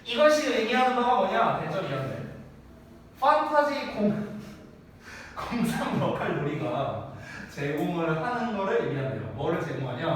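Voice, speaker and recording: A chatty male teacher in his thirties lectures with a high, lively voice, often asking the class questions. He is heard from far off in a hall with long, booming echo and faint noise behind. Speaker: English teacher.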